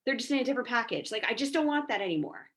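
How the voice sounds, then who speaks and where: Female podcast guest, mindset coach; lively, talkative storyteller with a slightly high voice. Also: very fast. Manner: chatty, animated storyteller, peppers speech with "like" and "right?". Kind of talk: casual podcast conversation.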